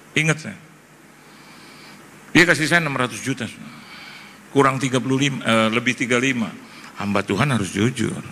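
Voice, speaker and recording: Animated pastor preaching in a hall. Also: male voice, fairly low pitch, gravelly, a little hiss or hum. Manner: animated storytelling, acting out both sides of dialogue. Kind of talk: sermon testimony.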